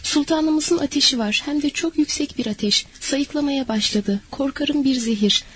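A woman's voice: sits high, normal speed, fairly bright tone, a little hiss or hum. A woman reading a grave court physician. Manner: grave, reassuring then somber. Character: worried male court physician.

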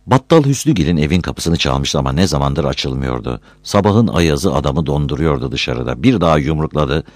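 A man reading a story aloud as its narrator in a lively, expressive manner. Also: very deep voice, normal speed, no room sound.

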